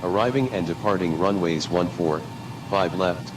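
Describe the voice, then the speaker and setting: Deep male automated airport weather broadcast. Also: over music. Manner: reads numbers in a measured, formal sequence. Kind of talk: recorded weather and runway information. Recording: distant speaker with background noise.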